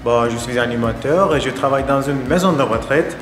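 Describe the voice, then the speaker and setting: A man's voice: medium pitch, a little fast. A man working as an activity leader, talking casually and encouragingly to camera with frequent fillers. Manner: chatty, encouraging, with filler "bah". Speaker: elderly-care activity leader. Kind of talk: casual video testimony. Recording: roomy hall with music behind.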